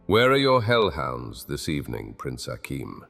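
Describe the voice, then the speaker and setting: A man voices a proud, uneasy king in an ASMR audio drama, his deep voice slow and stately. A long hall echo and soft music sit behind him. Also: big pitch swings, vocal fry, heavily acted. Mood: grave. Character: anxious proud human king cursed with gold.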